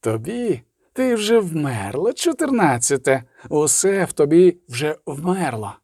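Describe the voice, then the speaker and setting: A man voicing an eerie prophetic spirit that speaks through a young girl, in a slow, chanting, otherworldly manner. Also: fairly high pitch, big pitch swings, darkish tone, husky, no room sound, studio quality, exaggerated voice. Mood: ominous.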